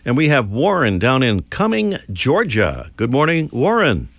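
A man's voice: medium pitch, wildly swooping pitch, measured pace, a bit bright, dry recording. Jokey male radio host. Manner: jokey, easygoing. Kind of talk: casual radio show hosting.

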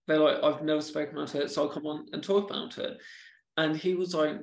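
On a podcast, a man with a stammer talks casually, halting and repeating words, and speaks about his own stammer. His slightly high, gravelly voice keeps a flat, even pitch. The room is echoey, with a little hiss or hum.

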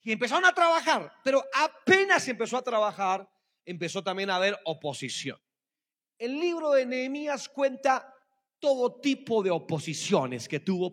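High-voiced preacher in a reverberant hall. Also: male voice. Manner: animated, calls out to the congregation, swings between soft and loud. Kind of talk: congregational sermon.

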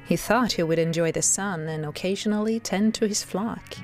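A woman's voice: lowish voice, moderate pace, a little mellow, lightly acted. Woman doing bossy voice of god narrator for an audio drama, disembodied, coaxing, bit of music under it. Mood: storytelling. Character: disembodied female voice of God, commanding narrator of prophets.

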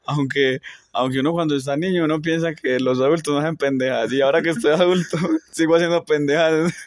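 A young man, co-hosting a casual podcast in a relaxed way and often hedging with filler words. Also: fairly high pitch, fast talker, dry recording, studio quality. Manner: relaxed, hedging with frequent "pues". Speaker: podcast co-host.

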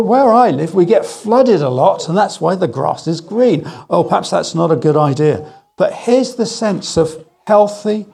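A middle-aged man preaching a sermon, telling stories with gentle humour and slowing down on key phrases. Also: sits high, gravelly. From England. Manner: storytelling with gentle humour, slow emphatic phrases. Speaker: guest speaker.

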